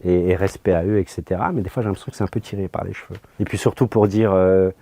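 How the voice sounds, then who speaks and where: Casting: young French man, low dark voice, easygoing and hesitant, dry close sound, comedian being interviewed. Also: fairly even intonation, fast talker, no room sound. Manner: laid-back, hesitant, many fillers. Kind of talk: casual interview answers.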